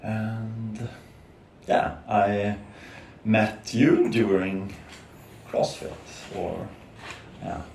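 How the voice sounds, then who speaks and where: Male guest, low and slow, hesitant; echoey room, faint background noise. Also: steady tone, creaky, darkish tone. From Sweden. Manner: nervous, hesitant, many fillers. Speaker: podcast guest. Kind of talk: casual conversational interview. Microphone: video call camera.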